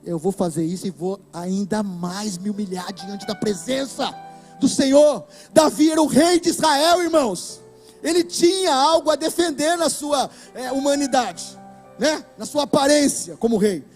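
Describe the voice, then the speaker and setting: A man with a Brazilian Portuguese accent preaching a sermon to a church, impassioned and breaking into shouts. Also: extremely high pitch, unhurried, soft background music. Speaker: pastor. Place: church hall.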